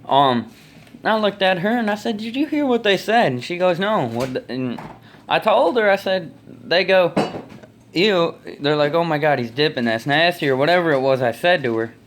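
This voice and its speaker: Slightly high and lively in intonation, this American man in his twenties moves at a moderate pace, with a little hiss or hum on the audio. He rambles through folksy, opinionated stories to a phone held at arm's length in a small room.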